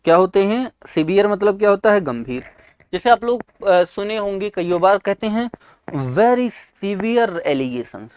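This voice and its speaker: A high-voiced man with a North Indian accent teaching an exam-prep English lesson in a dry, close sound. He explains by asking questions and answering them himself, mixing English terms in. He clears his throat now and then. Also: no echo. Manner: clears throat and coughs often.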